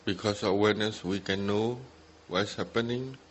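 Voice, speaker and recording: This low-quality recording, with slight background noise, captures a male Buddhist teacher leading guided meditation at a retreat. English is not his first language, and he speaks at a normal speed in a fairly low voice, using short, simple phrases with gaps between them.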